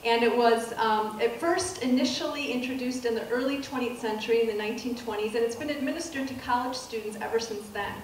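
Speaking in a fairly high voice, a soft-spoken professor lectures to an audience, measured yet full of ums and restarts. She's on a dark auditorium stage with a projector screen, using a handheld mic, and a distant camera captures the echoey hall along with room noise.

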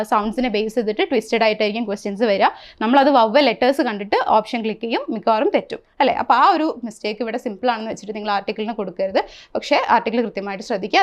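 Woman teacher, Malayali accent, slightly high pitch, explanatory lesson style. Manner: explanatory, asks rhetorical questions. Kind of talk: exam syllabus lesson.

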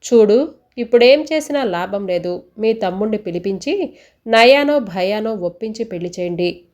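A woman's voice: mid-range voice, expressive, normal speed, a little mellow, lightly acted. A middle-aged woman doctor in a storybook, firm and composed. She questions patiently and lectures with authority, as a woman narrator voices her. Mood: lecturing.

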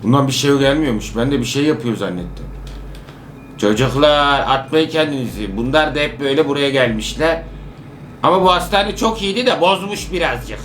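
A man giving excited let's-play commentary on a horror game, joking as a worried father and repeating words in bursts. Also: medium pitch, moderate pace, roomy sound, a little hiss or hum. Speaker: gamer playing a horror obstacle game.

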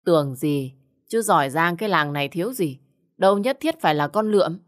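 A woman's voice: on the low side, animated, fairly quick, lightly acted. A woman voicing a sly, evasive middle-aged man who is head of the household in a storybook. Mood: placating. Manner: wheedling, evasive.

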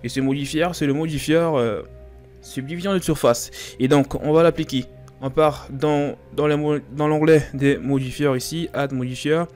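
A man's voice: on the high side, fairly even intonation, normal speed, darkish tone, soft background music. A man hosting a beginner 3D modelling tutorial, talking casually with fillers and self-deprecating jokes over a screen recording. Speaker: Blender tutorial host.

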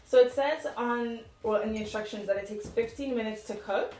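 A woman co-hosting a casual snack taste-test video, explaining in a relaxed way. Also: on the high side, brisk. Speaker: vlog co-host. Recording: roomy sound from a distant mic.

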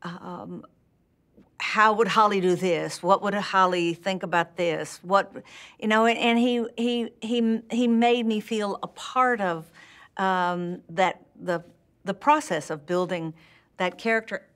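An older actress with a Texan accent speaks slowly in a mid-range voice, reflecting on how she got into acting. The interview is set indoors among curtains and plants. Her manner is warm and candid, full of laughter and restarted sentences.

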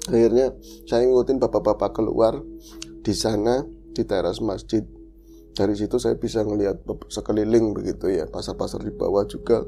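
A man's voice: on the low side, fairly even intonation, moderate pace, gravelly, dark tone, soft background music. A man tells his life story in a casual interview. He speaks earnestly, as if making an emotional confession. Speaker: guest, reformed street thug.

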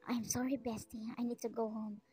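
A woman's voice: fairly high pitch, little pitch movement, brisk, mellow, breathy edge. A woman voicing a cheeky, teasing young woman in a fan fiction voiceover.

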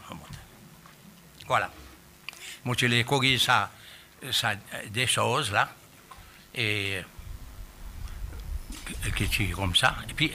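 A man giving halting testimony at a public hearing, often restarting as he searches for words. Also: fairly low pitch, pushed and bright, a little hiss or hum. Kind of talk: spoken testimony. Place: hearing room.

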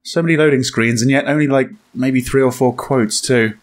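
A man's voice: mid-range voice, fairly even intonation, moderate pace. A man giving casual, wry and bemused gameplay commentary. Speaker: game streamer.

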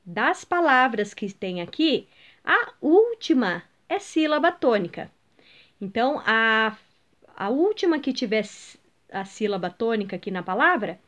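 A Brazilian woman teacher talks schoolchildren through a lesson in a fairly high voice that swoops lively up and down. She is patient and explains step by step, drawing out each example word slowly and stopping often to ask whether everyone is following. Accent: Brazilian Portuguese. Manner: patient, sounds out words slowly and emphatically; explains step by step, checks in with "ok?" and "entenderam?".

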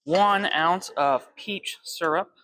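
A man's voice: sits high, takes it slowly, bright, forceful tone, a little hiss or hum. A young man in his twenties working as a bartender, walking through cocktail recipes step by step at an indoor bar. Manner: friendly step-by-step instructions while mixing. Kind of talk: cocktail demonstration. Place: indoor bar with shelves of bottles.

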